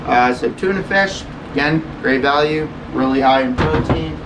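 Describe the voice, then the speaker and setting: A young man vlogs casually and earnestly to the camera, rambling with plenty of fillers. His medium-pitched voice moves at a moderate pace over a noisy background. He starts in a kitchen indoors, then heads outside onto railroad tracks in the woods.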